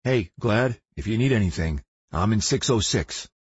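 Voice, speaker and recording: A man's voice: fairly low pitch, lively intonation, moderate pace, husky, dry recording. A man voicing a friendly, easygoing male travel companion. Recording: dull lo-fi recording.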